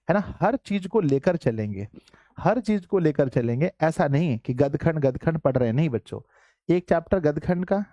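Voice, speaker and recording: A man's voice: fairly high pitch, a little mellow, no echo, clean studio sound. A man teaching an online class, who keeps calling to his students and answers his own questions.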